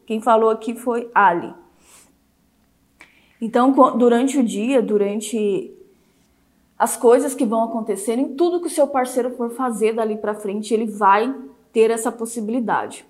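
A woman's voice: on the high side, animated, normal speed, a little mellow. A young woman from Brazil teaching a live online class as a marriage coach, emphatic and repetitive, often ending with tag questions.

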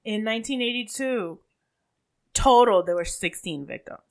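A woman's voice: a little high, normal speed. A woman with a Caribbean accent co-hosting a casual true-crime chat, talking in a hesitant, self-correcting way. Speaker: podcast co-host.

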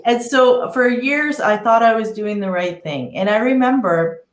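A woman in a casual podcast conversation, telling a personal story in a lively, animated way. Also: on the high side, a little slow. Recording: roomy echo.

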